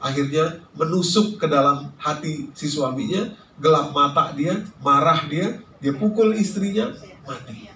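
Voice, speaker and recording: A male preacher gives a sermon to a gathering, reciting Arabic verses and then explaining them in plain speech. His voice is fairly high. It reaches a distant mic in a roomy space with faint ambience behind. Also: measured pace, bright, forceful tone, a little hiss or hum. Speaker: Islamic preacher. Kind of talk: sermon at a religious study gathering. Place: restaurant lounge hall.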